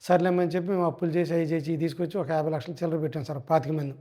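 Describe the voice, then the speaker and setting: A man recounts a group investment fraud, telling it in a hurried, repetitive way and politely calling the interviewer sir. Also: a little high, fairly even intonation, dark tone. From Andhra Pradesh. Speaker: fraud victim.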